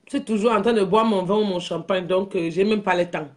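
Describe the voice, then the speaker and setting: A woman with a medium-pitched voice talks fairly quickly while hosting an unscripted live stream. She rants animatedly, repeats herself, and often laughs through her words.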